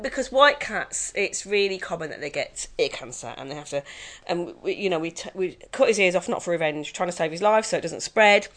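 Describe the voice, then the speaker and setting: A woman's voice: medium pitch, sharp tone. Dry, teasing woman co-host. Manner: dry, teasing, wry asides. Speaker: podcast co-host. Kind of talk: casual chat.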